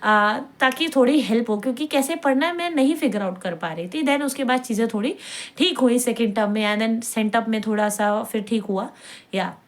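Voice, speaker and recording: A woman's voice: a little high, moderate pace. A young woman from India, a medical student, giving casual advice in a chatty vlog and mixing English phrases into her talk. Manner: chatty, mixes English into Hindi, keeps asking "ठीक है?".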